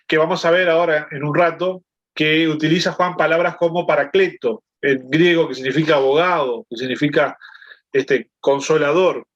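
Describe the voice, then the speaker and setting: A man's voice: fairly high pitch, fairly even intonation, moderate pace, muffled recording. A man leading a Bible lesson over a video call, explaining and often checking in with his listeners. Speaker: Bible study teacher.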